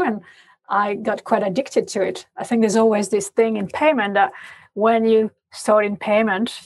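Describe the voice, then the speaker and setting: A woman in her forties with a French accent, giving thoughtful, measured answers as an interview guest. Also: medium pitch, slightly rough. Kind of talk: interview conversation.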